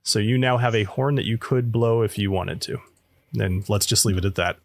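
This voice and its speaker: A man's voice: lowish voice, moderate pace, vocal fry, no room sound, clean studio sound. A man narrating as game master in an informal, conversational way during a tabletop game.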